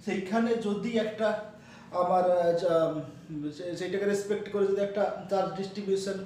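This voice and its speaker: A man's voice: high voice, fairly even intonation, moderate pace, darkish tone, a little hiss or hum. A man giving a physics lecture, explaining step by step with many fillers and checks for understanding. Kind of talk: classroom lecture. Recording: echoey room, voice from a distance.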